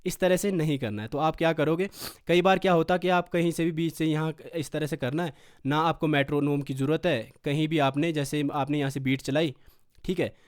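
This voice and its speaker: A man teaching music production software step by step in a home studio, checking in with listeners as he goes. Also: a little high, fairly even intonation, fairly quick, smooth. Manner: explains step by step, often adding a checking "okay". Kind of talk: screen-recorded software tutorial. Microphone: studio condenser mic.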